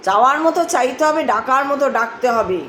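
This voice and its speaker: A woman giving a spiritual talk, musing slowly and breaking into song. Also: high-pitched, animated, fairly bright tone, echoey room, slight background noise, rough recording. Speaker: host.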